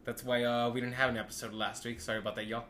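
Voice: medium pitch, little pitch movement, quick pace, fairly bright tone, echoey room, slight background noise. A podcast host talking casually and emphatically in slang, often repeating phrases. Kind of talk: casual wrestling podcast talk.

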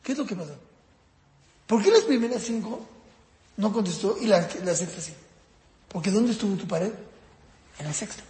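A man teaching a parenting course in a casual, lively lecture style. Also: normal speed, pauses often, roomy sound, long reverb tail. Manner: lively, jumps up and down in pitch acting out parents and kids.

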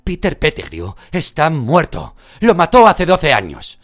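A man voicing a clever teenage schoolgirl witch who speaks in a high, quick, earnest lecturing way. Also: wildly swooping pitch, husky, full character voice. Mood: shocked.

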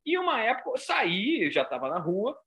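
Bright, husky-voiced Rio comedian. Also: male voice, sits high, a little fast. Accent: Rio de Janeiro Portuguese. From Rio de Janeiro, Brazil. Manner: animated, acts out voices in his stories. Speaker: comedian guest. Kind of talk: casual storytelling.

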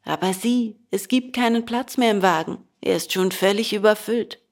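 A woman's voice: medium pitch, moderate pace, natural voice. A woman voicing a sugary, wheedling little coachman. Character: plump little man coachman, sweet and sly.

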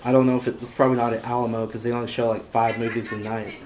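A man hosting a casual movie podcast with friends, chatty and quick to laugh, often saying "like". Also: mid-range voice, flat delivery, a little mellow, a little hiss or hum. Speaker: podcast host. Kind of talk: casual chat about movies. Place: home garage. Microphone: handheld audio recorder.

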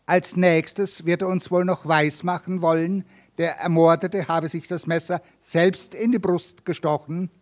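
A man's voice: fairly high pitch, steady tone, unhurried, close to an everyday voice. A man reading as a cold, scornful old-time judge. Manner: cold, threatening, mocking. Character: stern, scornful male village judge.

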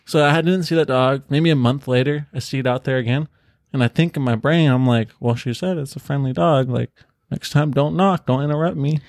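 A man's voice: medium pitch, fairly quick, darkish tone, no echo, studio quality. Swearing man telling casual stories. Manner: loose storytelling, swears, acts out quoted voices. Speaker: podcast co-host. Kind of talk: casual chat over beers.

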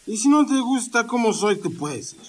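A man's voice: sits high, big pitch swings. An actor playing a drunken, proud, scolding middle-aged father in a radio drama. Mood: angry. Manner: slow, blustering, scolding.

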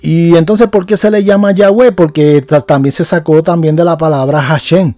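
A man's voice: on the high side, fairly even intonation, moderate pace, mellow, no echo. A man giving an unscripted Bible lesson on a podcast. He talks hesitantly, with many fillers and restarts, and keeps checking that his listeners follow. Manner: keeps asking for agreement. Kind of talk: unscripted teaching talk.

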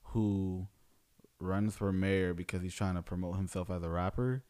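A man co-hosting a casual podcast chat, joking and quick to get excited. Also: sits low. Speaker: podcast co-host.

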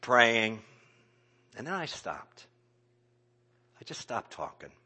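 A man preaching a sermon as a pastor, swinging from loud exclamations down to hushed whispers. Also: mid-range voice, big pitch swings, slow pace, husky.

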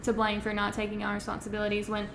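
A woman's voice: mid-range voice, monotone, quick pace, creaky. A young woman with an Alabama accent chatting casually in a laid-back, blunt, self-deprecating way. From Florence, Alabama, United States. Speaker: interview guest, reality show cast member. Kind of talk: casual chat. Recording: echoey room with faint noise.

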